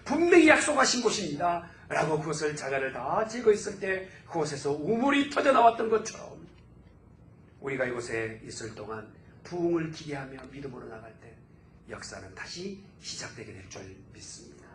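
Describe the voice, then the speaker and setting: A man delivers a sermon from the pulpit of a church sanctuary. His fairly high voice rises and surges with fervent emphasis. The hall adds a noticeable echo over a faint background hum. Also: sing-song, normal speed. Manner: fervent preaching, swelling to loud exclamations. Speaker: pastor.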